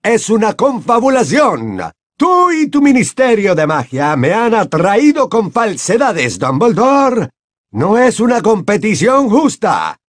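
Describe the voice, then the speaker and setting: A man reads as a furious headmaster, high and husky, his pitch swinging wildly as he accuses. Close, dry storybook sound. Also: dry recording. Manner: accusing, ranting. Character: indignant, suspicious foreign headmaster man. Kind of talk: audiobook character voice.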